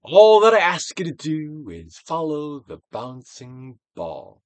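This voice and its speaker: A man with a trained stage actor's delivery performs a self-help book dramatically, his slightly high voice swinging hugely in pitch. He leans on emphasis, drawing phrases out into big swells that then fall to a hush. It's recorded dry.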